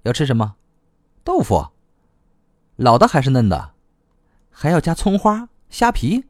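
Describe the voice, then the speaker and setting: A brash young woman who scolds and swears with a quick temper, as a man puts her on in an audiobook. Her voice sits high and swings widely, recorded dry with faint music underneath. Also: very animated, no echo. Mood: gruff teasing. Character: hot-tempered blunt young woman cousin. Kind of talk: audiobook reading.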